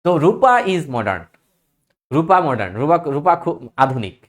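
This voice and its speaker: A man's voice: fairly high pitch, very animated, normal speed. A man teaching an English grammar lesson, reciting word lists in a rhythmic chant and mixing English phrases into his explanations.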